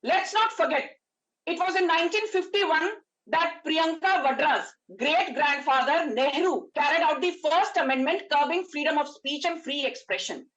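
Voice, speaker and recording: Female Indian political panellist, high pitch, combative, emphatic, code-switching into Hindi. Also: normal speed, a bit bright, rough recording. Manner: emphatic, rhetorical repetition, mixes Hindi into English. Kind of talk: combative TV debate argument.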